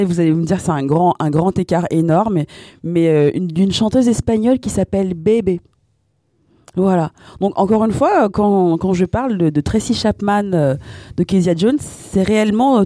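A woman from France talks through her answers in a mellow, dark-toned voice, stopping often on fillers and restarting her sentences. Her voice is recorded dry and close, with no room sound. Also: fairly low pitch, no echo. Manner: hesitant, many fillers and restarts. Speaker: singer guest. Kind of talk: radio interview answers.

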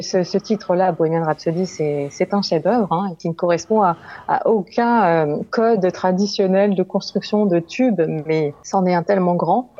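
A woman actress answers interview questions in a chatty, unhurried way, pausing often to search for words. Her voice is mellow and dark. The sound is dull and lo-fi. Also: mid-range voice. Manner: chatty and warm, many hesitations. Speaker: actress and voice actor guest.

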